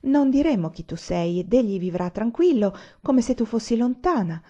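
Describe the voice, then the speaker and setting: A sharp-tongued old widow scolds in a raised, brisk voice, as a woman reads her. The timbre stays mellow under a dull, lo-fi recording. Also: a little high, expressive, pitched above the performer's own voice. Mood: coaxing.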